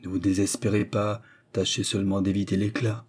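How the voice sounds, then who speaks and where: A man's voice: fairly low pitch, little pitch movement, fairly quick, a little mellow, breathy edge. A man reading aloud and voicing a scheming, persuasive noblewoman who frightens her young companion with feigned sweetness. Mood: menacing, persuasive. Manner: insistent, menacing, feigned sweetness. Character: scheming, persuasive noblewoman adventuress, middle-aged.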